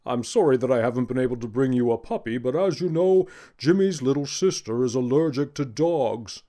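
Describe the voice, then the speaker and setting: A man's voice: mid-range voice, lively intonation, fairly quick, mellow, lightly acted. A man playing a jolly but stern old Santa Claus. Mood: jolly, apologetic. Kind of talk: children's audiobook character voice.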